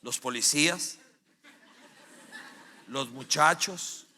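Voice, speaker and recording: A male pastor, preaching a sermon as vivid storytelling that swings from loud bursts to hushed low phrases. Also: extremely slow, a little hiss or hum. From Costa Rica.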